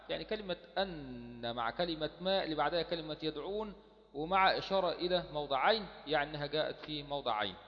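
A man with an Egyptian accent teaching Quran recitation rules, quoting verses in a slow chant and answering his own questions. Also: fairly high pitch. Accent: Egyptian Arabic. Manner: asks rhetorical questions and answers them himself. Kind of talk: explaining a verse text line by line. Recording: dull sound with long reverb.

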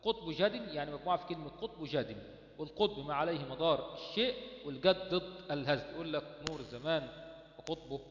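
A man's voice: on the high side, fast talker, roomy sound, long reverb tail, dull audio. A man with an Egyptian accent teaching Quran recitation rules, quizzing his students with questions and answering them himself. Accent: Egyptian Arabic. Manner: drills students with rhetorical questions. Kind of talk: explaining tajweed rules.

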